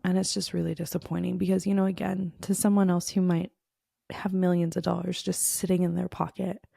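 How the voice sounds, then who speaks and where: A woman's voice: on the low side, flat delivery, brisk, gravelly, mellow, slightly rough, no echo, studio quality. A woman hosting her own podcast, talking candidly and earnestly, frustrated and emotional, in a conversational way full of "like" fillers. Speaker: podcast host. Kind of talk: candid solo podcast monologue.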